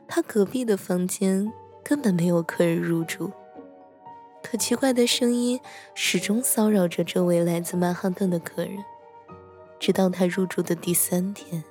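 A woman playing a soft-spoken teasing hotel attendant. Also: medium pitch, natural voice. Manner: gentle, teasing, slows and hushes for eerie moments. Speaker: hotel staff member telling a ghost story to a horror writer. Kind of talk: role-play audio drama with soft storytelling. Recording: soft background music.

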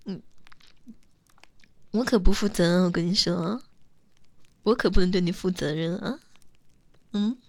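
A young woman acting a teasing, coaxing young woman who calls herself big sister, in an intimate role-play audio spoken close to the mic with soft whispers. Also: fairly low pitch, a little slow, pauses often, no echo.

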